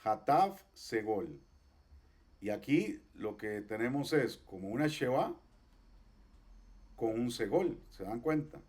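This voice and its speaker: A man teaching a class, patiently explaining pronunciation and repeating each example slowly. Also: medium pitch, animated, darkish tone. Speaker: Hebrew teacher. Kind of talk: online class.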